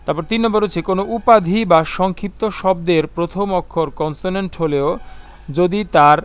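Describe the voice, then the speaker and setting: A man explaining English grammar, reading example sentences slowly and answering his own questions. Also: high-pitched, steady tone, clear, resonant tone. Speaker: English teacher.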